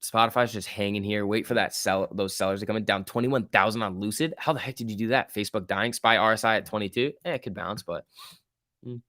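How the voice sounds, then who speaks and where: A man's voice: fairly low pitch, fast talker, sharp tone, no echo, studio quality. A man giving casual live market commentary as a stock trading streamer, reading out chat in slangy, repetitive bursts. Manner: informal slangy muttering to himself, repeats words.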